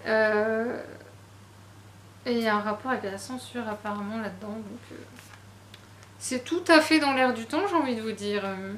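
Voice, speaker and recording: Woman book vlogger, casual haul chat, chatty and self-deprecating, fairly high voice, roomy sound with faint noise. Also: normal speed, long pauses.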